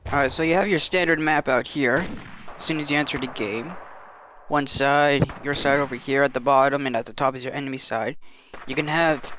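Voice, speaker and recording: A man's voice: medium pitch, background noise. A man giving casual gameplay commentary in an explanatory, matter-of-fact way. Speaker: game commentator.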